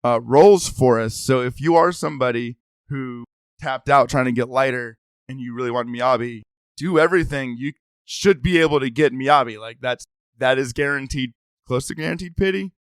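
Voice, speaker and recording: A man co-hosting a podcast, chatting casually and eagerly about a game, with quick restarts and frequent laughs. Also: mid-range voice, clear, resonant tone, dry recording. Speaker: podcast co-host. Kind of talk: casual gaming chat.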